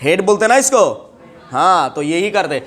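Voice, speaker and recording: High-voiced man teaching biology. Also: big pitch swings, a bit bright. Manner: quizzes students and answers his own questions, drawn-out emphasized terms; spells out terms letter by letter. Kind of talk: chalk-and-talk lesson with call-and-response questions.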